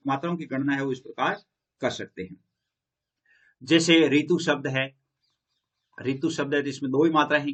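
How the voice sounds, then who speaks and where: A man's voice: a little high, sharp tone, highs cut off. A male lecturer teaching a classroom lesson, repeating key points and quizzing his listeners. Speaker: Hindi literature lecturer.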